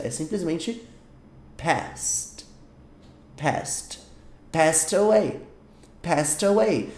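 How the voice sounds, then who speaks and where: A man with a Brazilian Portuguese accent giving an online English lesson, emphatic and repeating English examples slowly. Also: fairly high pitch, a little mellow, roomy sound. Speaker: English teacher.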